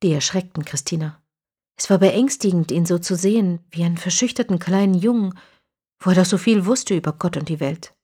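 A woman narrating an audiobook in a measured, even storytelling manner. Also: lowish voice, husky.

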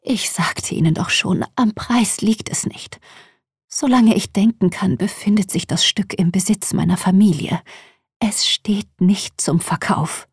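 A woman reading aloud, voicing an older female shop owner who speaks slowly and partly in a whisper. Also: medium pitch, lively intonation, slightly rough, no echo, clean studio sound. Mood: guarded. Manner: slow and hushed, partly whispered. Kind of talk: storybook reading.

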